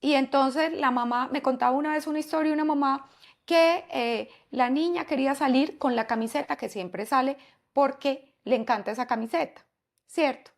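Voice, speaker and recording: A woman speaking, her voice sitting a bit higher than most. She talks as a psychologist guest on a conversational podcast, laying out her points and tossing in rhetorical questions to keep the listener with her. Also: normal speed, vocal fry. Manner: explanatory, asks frequent rhetorical questions. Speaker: psychologist and parenting expert guest.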